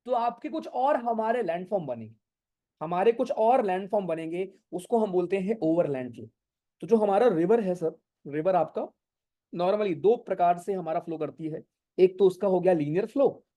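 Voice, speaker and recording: The voice is high-pitched but dark in tone: a male geography teacher lecturing an online exam-prep class with no earphones. He goes slowly, uses many English terms, keeps asking if it's clear, and reprimands students for straying off topic.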